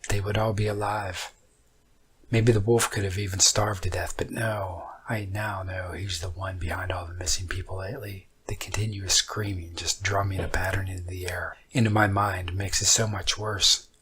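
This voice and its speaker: A man narrating a first-person scary story in a low, hushed, haunting voice that is husky and breathy, often slipping toward a whisper. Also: little pitch movement, moderate pace, slight background noise, low-quality recording.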